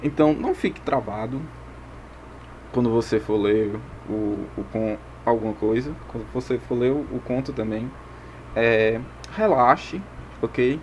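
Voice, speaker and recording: A male teacher with a Brazilian Portuguese accent explains a video lesson patiently, step by step. His pitch sits in a middle range, and he keeps checking in with short questions. Faint background noise runs under the recording. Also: measured pace, a little mellow. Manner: explanatory, checks in with frequent "ok?" and "tá certo?".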